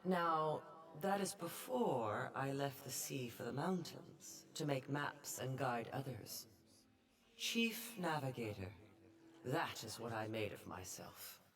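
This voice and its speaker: A woman's voice: extremely low pitch, lively intonation, slow pace, vocal fry, heavily acted. A woman voicing the ghost of a proud dead navigator, speaking in a stately, formal, aggrieved way.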